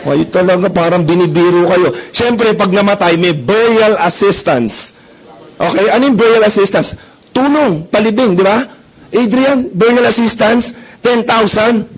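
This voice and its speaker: Young man, comic sales pitch, teasing the crowd, fairly high voice. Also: rough recording. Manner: joking, storytelling, asks the crowd questions. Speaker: marketing presenter. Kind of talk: comic sales talk to a live audience.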